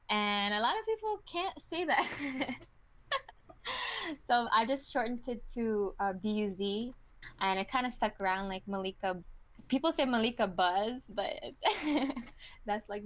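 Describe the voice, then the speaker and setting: A Kazakh model in her twenties answers interview questions in a relaxed, chatty way, giggling and using plenty of fillers like "you know." Her voice sits in the mid-range, and the recording has no room sound.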